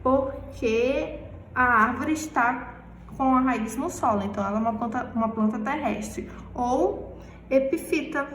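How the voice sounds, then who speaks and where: A Brazilian woman teaching a primary class, asking questions and answering them herself while stretching the key words slowly. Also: high-pitched, fairly bright tone, slight background noise. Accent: Brazilian Portuguese. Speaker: schoolteacher. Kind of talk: recorded remote class lesson. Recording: echoey room, voice far from the mic.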